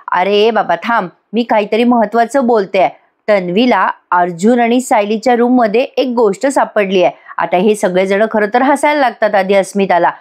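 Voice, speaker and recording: A woman's voice: medium pitch, darkish tone. Woman recapping a TV serial episode. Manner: retells scenes acting out characters' lines, addresses viewers directly. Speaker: TV serial reviewer. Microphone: voice-over recorded separately.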